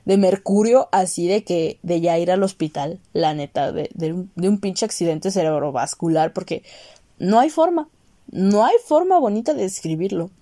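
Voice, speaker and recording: A young woman with a Mexican accent rants through a casual vlog review, swearing freely and jumping up into sudden high outbursts. Her voice is dark and mellow, recorded dry and close with no room sound. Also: moderate pace, dry recording. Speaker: series reviewer.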